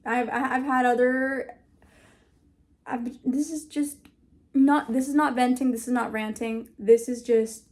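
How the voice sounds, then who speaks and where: Young woman, casual vlog chat, rambling and animated, fairly high voice. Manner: rambling, animated, searching for words. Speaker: vlogger. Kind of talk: casual talk to camera.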